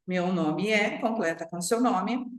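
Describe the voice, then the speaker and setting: A Brazilian woman teaches English online to viewers at a slow pace, her voice medium in pitch. She's instructive and keeps checking in with short tag questions. The recording sounds roomy and echoey.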